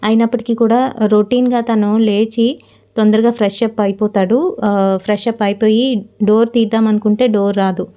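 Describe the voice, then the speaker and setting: A woman telling a horror story in a casual, relaxed way, with frequent fillers. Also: mid-range voice, fairly quick, muffled recording.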